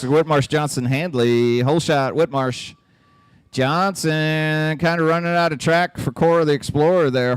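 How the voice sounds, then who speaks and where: A man's voice: medium pitch, clean tone, no room sound. A man announcing live races with folksy, joking play-by-play, his voice starting to crack. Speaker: track announcer. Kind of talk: live race commentary.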